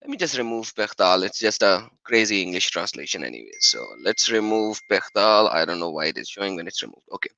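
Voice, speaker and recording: Guy hosting a live stream, super upbeat, laughs a lot, bright voice, kinda muffled dry audio. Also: lowish voice, big pitch swings, brisk, vocal fry, hardly any pauses, no echo. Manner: upbeat, enthusiastic, laughs often. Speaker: livestream host. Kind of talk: casual live-stream chat.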